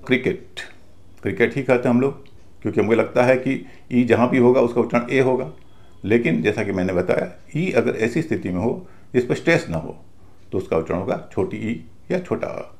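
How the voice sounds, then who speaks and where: A male teacher giving a pronunciation lesson, speaking slowly and deliberately and spelling out words letter by letter. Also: medium pitch, a little mellow.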